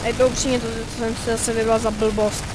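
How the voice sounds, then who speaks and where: A man giving casual, rambling commentary while playing a shooter game, excitable and swearing now and then. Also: very high voice, noisy background. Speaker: gaming video creator.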